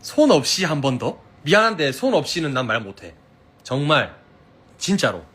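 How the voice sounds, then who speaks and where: Husky-voiced man with a Gyeongsang accent. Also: on the high side, big pitch swings, moderate pace, fairly bright tone. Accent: Gyeongsang Korean. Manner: playful, laughs often, teasing. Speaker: live-stream host. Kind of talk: casual live-stream chat reading comments. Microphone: phone.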